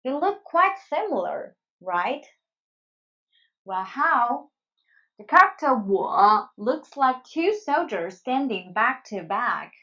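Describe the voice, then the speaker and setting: A woman with as her leads a beginner lesson in English, her voice a touch high and her pace very unhurried. She talks clearly and keeps encouraging the learners. The recording sounds somewhat dull and lo-fi. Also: big pitch swings, bright, forceful tone. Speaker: Chinese teacher. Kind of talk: scripted language lesson.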